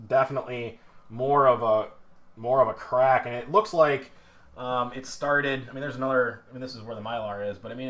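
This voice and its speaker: A pinball restorer streams a teardown, holding the playfield up close to the camera. His medium-pitched voice is a bit bright, and he rambles casually, full of fillers and restarts, often poking fun at himself.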